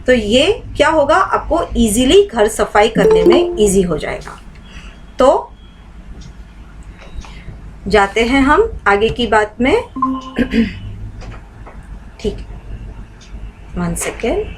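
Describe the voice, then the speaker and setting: A woman leads a live online meditation class in a fairly high voice. She talks warmly and keeps putting questions to her students. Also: big pitch swings, takes it slowly, long pauses, over music, rough recording. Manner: asks the class many rhetorical questions. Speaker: meditation teacher.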